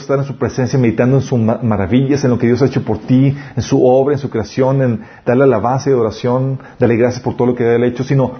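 A man's voice: mid-range voice, lo-fi sound. Conversational man preaching a sermon. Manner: conversational preaching with frequent rhetorical questions. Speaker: pastor.

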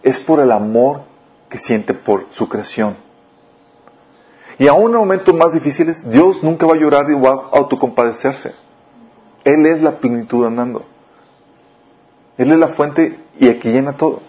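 A man gives a sermon in a mid-range voice, often asking his listeners questions. His delivery rises and falls in loudness. The recording sounds dull and lo-fi. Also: mid-range voice, measured pace, long pauses. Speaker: preacher.

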